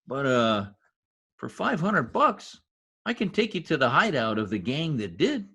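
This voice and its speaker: Sly and wry, this heavily acted take on Piggy, the shady, wisecracking gangland informant from a 1940s-style radio comedy-mystery, has a sharp tone, medium pitch, big pitch swings, and a slightly slow pace. His talk is slangy, streetwise, and ungrammatical. It was captured at home over a video call and comes across husky.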